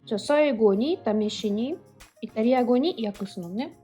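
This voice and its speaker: A woman with a Russian accent hosts a relaxed chat, talking with many fillers and easy laughter. Her voice sits a little high. The room is roomy and echoey, with faint background music. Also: unhurried. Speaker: host. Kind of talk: casual chat.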